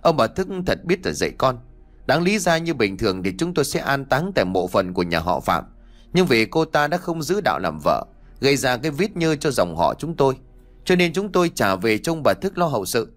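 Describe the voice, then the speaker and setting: A man's voice: medium pitch, big pitch swings, a little fast, natural voice. A man doing a cold haughty servant. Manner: cold, unsympathetic.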